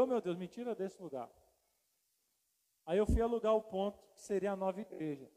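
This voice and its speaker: A male pastor preaching a sermon and telling a funny story, acting out the dialogue with lively energy. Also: high-pitched. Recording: long hall reverb.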